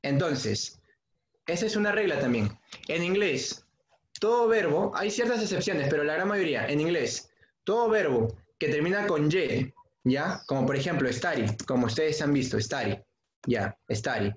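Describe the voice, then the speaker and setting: A man's voice: fairly high pitch, animated, normal speed. A man teaching an English grammar lesson in on an online class, patiently repeating key points and calling on students by name. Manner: asks students questions by name. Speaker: secondary school English teacher. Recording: dull, echoey room sound.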